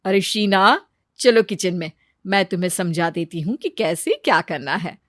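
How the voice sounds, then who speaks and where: A woman voicing a patient, kindly middle-aged mother-in-law in a cartoon story, speaking calmly. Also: fairly low pitch, normal speed, dry recording, clean studio sound. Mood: gentle. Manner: calm, kindly, reassuring.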